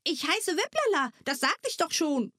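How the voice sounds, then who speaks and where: Woman doing a tiny male magic creature, very high squeak, indignant, tearful, close dry sound. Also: very animated, bright, forceful tone, no room sound, full character voice. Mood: insistent. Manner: squeaky, indignant, quick when telling.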